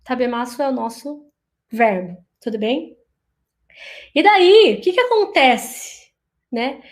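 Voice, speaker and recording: Woman, high voice, Japanese teacher, online lesson, lively, slow repeated phrases.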